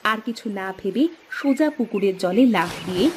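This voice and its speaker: A woman's voice: mid-range voice, normal speed, noisy background. Woman narrating a cartoon story. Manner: steady storytelling.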